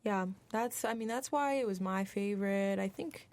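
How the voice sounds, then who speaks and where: A woman's voice: mid-range voice, normal speed, a little mellow, dry recording. A young woman co-hosting a college radio film show, chatting animatedly and acting out her reactions. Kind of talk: casual film review chat.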